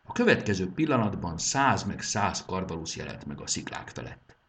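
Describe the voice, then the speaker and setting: A man reading a children's adventure story aloud in an expressive, steady manner. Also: sits low, gravelly. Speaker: narrator.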